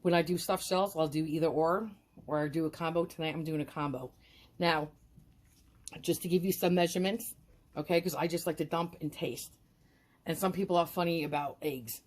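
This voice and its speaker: A woman with a lowish voice chats through a home cooking demonstration, calling out to her viewers and heaping praise on the food. Her delivery is casual and eager, with frequent fillers. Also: fairly even intonation, normal speed, a little mellow. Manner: enthusiastic, repeats "guys" and praise words.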